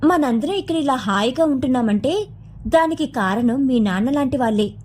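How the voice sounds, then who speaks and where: A woman voicing a kindly older woman, a nurse who talks in a gentle, reassuring way. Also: sits high, lively intonation, normal speed, a little hiss or hum. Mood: soothing.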